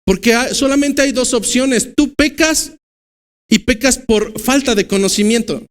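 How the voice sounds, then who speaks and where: A man with a Mexican Spanish accent delivers a church sermon. His voice sits high for a man. He swings from loud, emphatic bursts to slow, low stresses. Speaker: pastor.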